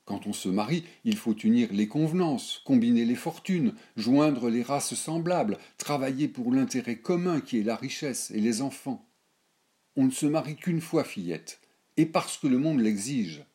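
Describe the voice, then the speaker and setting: A man's voice: mid-range voice, expressive, moderate pace, mellow, pitched above the performer's own voice, lightly acted. A man voicing an indignant, worldly old grandmother of noble birth who lectures her granddaughter in a scornful, declamatory way in a storybook reading. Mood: lecturing.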